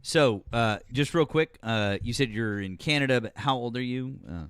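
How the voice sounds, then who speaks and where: A man's voice: mid-range voice, expressive, moderate pace, a bit bright, clean tone, dry recording. A man in his forties hosting a call-in political live stream in a loose, swearing way. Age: 40s. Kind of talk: casual call-in political debate.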